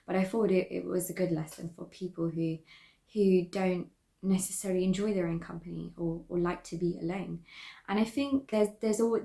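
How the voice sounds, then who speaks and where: A woman's voice: on the low side, vocal fry, mellow. A woman of twenty-five chatting casually to camera as a vlogger, reflective and advice-giving, often repeating words as she thinks.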